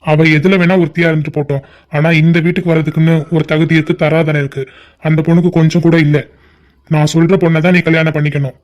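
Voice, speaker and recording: A man's voice: a little high, little pitch movement, fast, darkish tone, lo-fi sound, close to an everyday voice. A man voicing a stern, angry middle-aged father in a cartoon family drama, scolding and giving orders. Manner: scolding, commanding.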